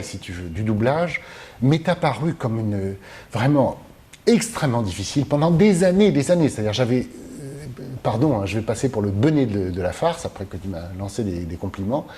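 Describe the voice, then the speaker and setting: A Mediterranean man who works as a film translator and teacher answers interview questions thoughtfully and hesitantly, with many fillers and restarts. His voice is medium-pitched and warm, with faint background noise.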